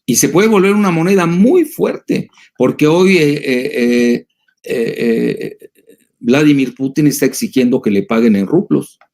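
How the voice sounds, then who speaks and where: A man's voice: mid-range voice, lively intonation, unhurried, gravelly, a little mellow. A man, an older analyst, answering audience questions in a digressive, emphatic lecture style with many filler sounds.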